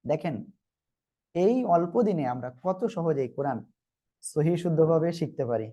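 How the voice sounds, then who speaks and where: In a Quran reading lesson, a man teaches Arabic letters with a Bangladeshi Bengali accent, repeating patiently and checking understanding. His fairly high, warm voice moves at a normal speed, and the audio sounds dull.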